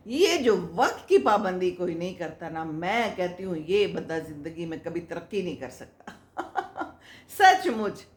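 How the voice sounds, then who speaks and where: In an echoey room, an older woman with a fairly low, very animated voice hosts an informal advice talk. She answers viewer comments in a chatty, motherly way, moralizing and laughing often.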